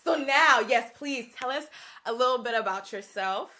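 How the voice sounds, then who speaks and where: A woman's voice: a little high, normal speed, bright, forceful tone. A woman hosting a podcast, chatting in an enthusiastic, affirming and playful way. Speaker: podcast host. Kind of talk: casual chat.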